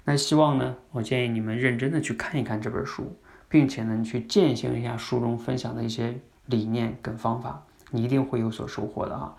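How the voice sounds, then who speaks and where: A man with a gravelly, creaky voice gives a casual spoken lesson as a podcast host. He talks in a chatty way and keeps putting questions to his listeners. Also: mid-range voice, steady tone, brisk, a little mellow.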